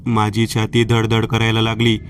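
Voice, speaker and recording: A man narrating a horror story and reading the dialogue of two friends in a steady storytelling manner. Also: on the low side, normal speed, recorded from a distance, very noisy.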